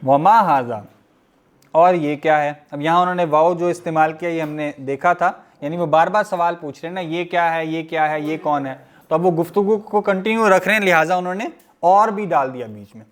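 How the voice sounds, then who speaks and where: A man teaching a recorded lesson, reading out words slowly and explaining each one. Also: a little high. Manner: slow and deliberate, reads Arabic words then explains them. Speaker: Arabic teacher.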